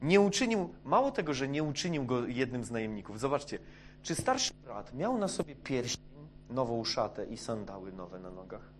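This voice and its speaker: A man preaching a sermon, hesitant with many fillers, dropping to a hush and then rising loud. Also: mid-range voice, sing-song, normal speed, a little hiss or hum.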